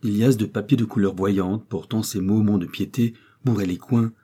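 A man narrating a classic novel as an audiobook in a measured, expressive reading. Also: lowish voice, breathy edge.

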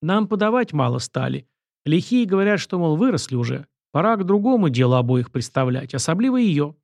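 A man's voice: on the high side, big pitch swings, a little fast, vocal fry, darkish tone, dry recording, clean studio sound, pitched above the performer's own voice. A man voicing a frightened, ragged ten-year-old street boy who pleads in rustic speech. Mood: earnest.

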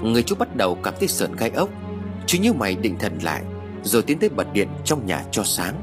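A man narrating a ghost story in an expressive, dramatic reading style. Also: fairly low pitch, brisk. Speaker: audiobook narrator. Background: background music.

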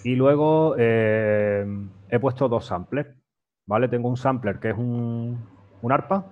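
A man talks through his beat-making setup in a relaxed, conversational way, stopping often to restart a phrase or add a filler. His voice sits at an ordinary middle pitch. The recording is a little muffled, with a faint hiss underneath. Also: slow pace. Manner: explains step by step with frequent fillers and restarts. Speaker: guest music producer. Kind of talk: casual demo walkthrough.

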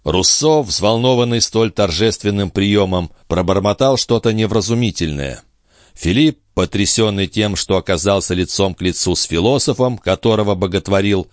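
Low, dry-sounding male narrator, measured delivery. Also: no echo. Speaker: audiobook narrator. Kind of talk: scripted narration.

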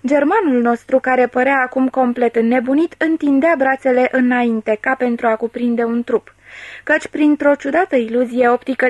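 A woman narrating a classic novel as an audiobook, in a steady, measured reading. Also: high voice, no room sound.

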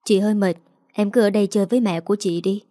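Woman reading an icy curt young wife, mellow dark tone, dry. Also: mid-range voice, steady tone, fast talker, no room sound, close to an everyday voice. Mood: cold. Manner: cold, curt. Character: cold pregnant young woman rejecting her husband.

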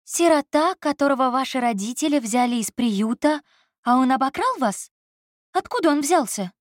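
A woman narrator voicing a young, anxious and sharp-tongued woman, in a raised, brisk and teasing tone. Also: high voice, animated, dry recording, clean studio sound, pitched above the performer's own voice. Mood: incredulous. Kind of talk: audiobook character voice.

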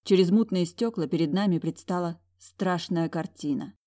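A woman narrates a fantasy audiobook in the first person. Her reading is measured and expressive. Her voice sits fairly low. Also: dry recording, clean studio sound.

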